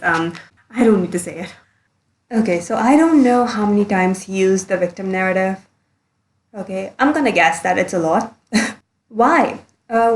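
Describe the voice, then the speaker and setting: A woman's voice: mid-range voice, roomy sound. A woman doing a blunt, earnest commentary monologue as a YouTuber, recording under a blanket. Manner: blunt, earnest, a bit sweary.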